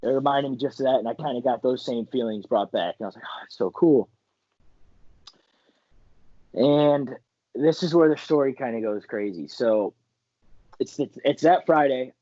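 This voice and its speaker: A man's voice: mid-range voice, normal speed, no room sound, muffled recording. A young man from Michigan, a college wrestler guest, telling stories animatedly in a casual interview, full of "like" fillers. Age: young adult. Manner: animated, acts out quotes, many "like" fillers.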